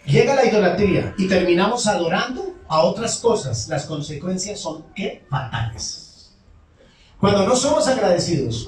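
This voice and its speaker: A male pastor delivers a call-and-response sermon in a high voice. He keeps asking the congregation short questions and answers them himself. He sounds distant from the microphone, and the church around him rings with heavy echo and faint room noise. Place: church sanctuary. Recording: echoey church hall from far off.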